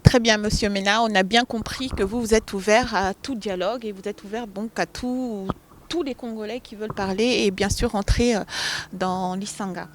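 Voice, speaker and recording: A woman hosting an interview, asking questions in a measured, formal way. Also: mid-range voice, steady tone, a little hiss or hum. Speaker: interviewer, host.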